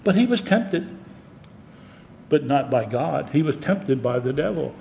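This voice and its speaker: A man's voice: fairly high pitch, lively intonation, measured pace, gravelly, a little mellow, slight background noise. A male pastor preaching a sermon in a folksy, humorous storytelling manner.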